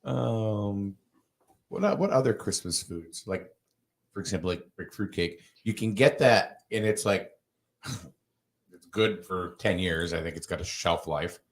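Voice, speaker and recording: A man hosting a casual talk show, animated and laughing often, with plenty of ums. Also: low-pitched, a little slow. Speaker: show host. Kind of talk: casual radio-style chat.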